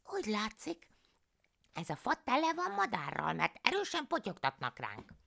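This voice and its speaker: Woman doing a high strained robber voice, gravelly, bouncy delivery, fairy tale reading. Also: wildly swooping pitch, a bit bright, heavily acted. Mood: puzzled. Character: rough male robber in a forest gang.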